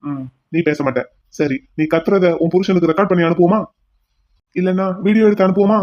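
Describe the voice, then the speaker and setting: A man's voice: sits high, fairly even intonation, fast talker, muffled recording, natural voice. A man voicing a cruel male kidnapper in a cartoon drama, taunting and threatening his captive with mocking questions.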